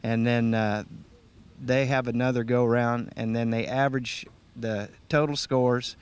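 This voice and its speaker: A man's voice: medium pitch, fairly even intonation, measured pace, smooth. A man with a folksy, easygoing manner, speaking casually as an interview guest who organizes and emcees events.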